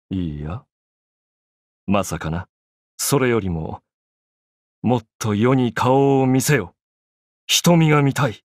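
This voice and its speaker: A male actor in a mid-range voice plays a pompous young pharaoh from an anime game, speaking imperiously with a haughty, intrigued air. The clean studio audio has no echo.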